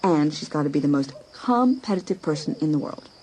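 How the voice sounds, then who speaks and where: In a dramatised audiobook, a woman plays a scheming, competitive, jealous teenage girl who thinks aloud in theatrical, exclamatory self-talk with a defiant mood. Her voice sits low but is warm and lively, a little fast, with slight background noise.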